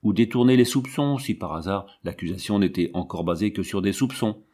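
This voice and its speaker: A man narrating a classic novel as an audiobook in a dramatic, measured way. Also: fairly low pitch, warm tone, husky.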